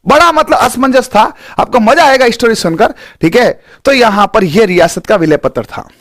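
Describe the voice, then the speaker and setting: A high-pitched male teacher, teaching a live online exam-prep lesson. His voice swoops up and down as he coaxes students and repeats points to drill them in. The sound is close and dry, with no room echo. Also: moderate pace. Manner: animated, coaxing, repeats key points.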